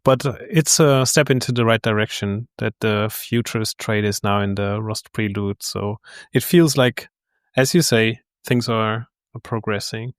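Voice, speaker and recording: A man hosting an interview, asking deliberate, measured questions. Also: on the low side, clean tone, no room sound, clean studio sound. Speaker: podcast host.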